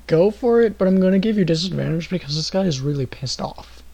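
A man's voice: high voice, animated, fast talker, vocal fry, warm tone. A man running a tabletop game as dungeon master, exasperated and swearing, and he admits he is bad at voices.

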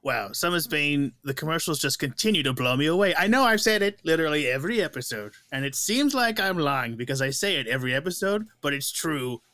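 A man's voice: on the high side, animated, brisk, few pauses, sharp tone, dry recording. A man playing a chummy, grandiose immortal wizard who hosts a comedy podcast in theatrical horror-host style. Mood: gushing showmanship. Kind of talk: improvised in-character comedy podcast.

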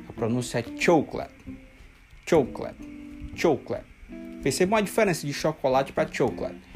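A man, teaching a casual spoken lesson as an English teacher, repeating and drilling words and checking in often with his listeners. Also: medium pitch. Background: guitar music.

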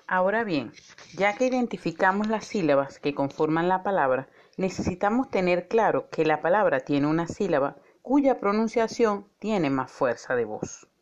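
This woman teaches a scripted lesson aloud, speaking clearly and deliberately and easing her pace on important words. She has a fairly low, animated voice, heard through audio with the highs trimmed away.

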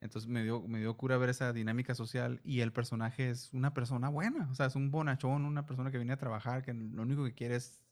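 Man, casual chat, animated storytelling, acts out quotes, lots of fillers. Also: mid-range voice, fast. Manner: many fillers and repeated words. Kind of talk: casual conversation about a series.

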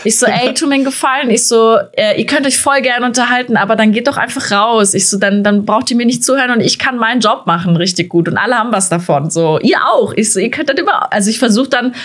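A woman's voice: fairly high pitch, fast talker, hardly any pauses. A woman co-hosting a casual podcast, telling stories from her comedy shows with lots of quoted dialogue and fillers. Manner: animated retelling with quoted dialogue, many fillers. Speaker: podcast co-host, stand-up comedian. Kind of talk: casual podcast chat, storytelling.

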